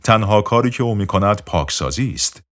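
A man narrating an audiobook in a measured, repetitive way, often letting his voice drop softer at the end of phrases. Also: lowish voice, expressive. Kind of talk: scripted narration.

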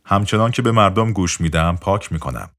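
A man's voice: low voice, animated, fairly bright tone. A man voicing a cheerful, serene male car salesman who speaks with a foreign accent, joyful and matter-of-fact, in an audiobook.

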